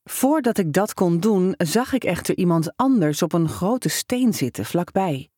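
A storyteller giving a steady, measured first-person story reading, close to the mic. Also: medium pitch, no room sound.

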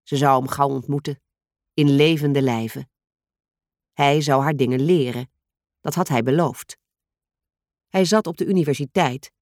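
A man with a fairly high voice narrates a novel from a script, reading in a steady, measured storytelling style. The studio-quality audio has no room sound.

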